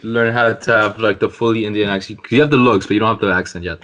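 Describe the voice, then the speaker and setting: This young man, a university student hosting a casual podcast, speaks fast in a fairly low, steady, slightly bright voice. He keeps up teasing, joking banter with his friends.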